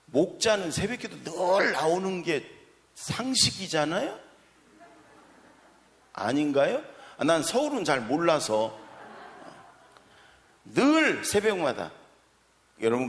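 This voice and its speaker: Lively storytelling male pastor, church reverb. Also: a little slow, vocal fry, pauses often. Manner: acts out quoted dialogue with lively swings in pitch; conversational, asides to the congregation. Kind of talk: sermon with storytelling. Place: church sanctuary. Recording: long hall reverb of a church.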